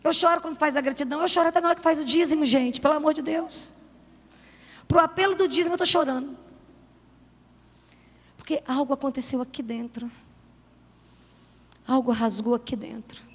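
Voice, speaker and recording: A woman pastor preaching a sermon with passion, swinging from shouted calls to soft, confiding words. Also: high-pitched, fairly even intonation, a little fast, pauses often. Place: large church hall. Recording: reverberant church hall.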